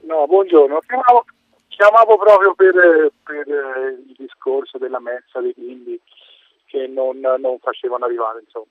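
A man from Prato calling in to a radio show, indignant and halting, often restarting his words. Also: mid-range voice, flat delivery, no echo. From Prato, Italy. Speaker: caller. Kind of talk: radio call-in opinion. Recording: tinny phone line.

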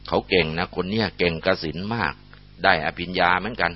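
A man voicing a kindly old abbot monk who speaks calmly and softly, on a muffled lo-fi recording. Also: deep voice, brisk.

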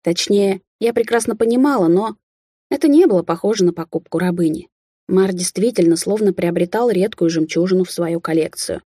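A woman's voice: on the low side, brisk, warm tone, husky. A woman narrating a fantasy audiobook in the first person.

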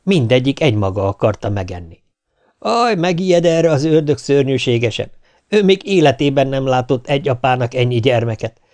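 A man reading a folk tale aloud as an audiobook, with lively, expressive storytelling. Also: mid-range voice, no room sound. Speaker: audiobook reader.

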